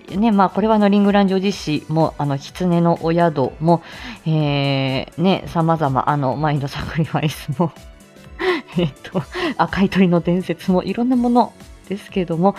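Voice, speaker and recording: Faint music plays behind a mellow, lowish female voice speaking at a normal speed. She is a middle-aged speech-language therapist hosting a casual morning livestream as a live audio show, giggling and chatting politely with her audience between announcements.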